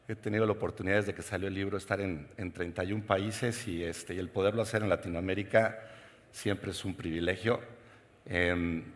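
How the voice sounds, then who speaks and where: A middle-aged Mexican man with a deep voice and a Mexican Spanish accent gives a personal keynote at a conference to a large audience. He speaks at a normal speed in a steady tone, and long hall reverb fills the recording.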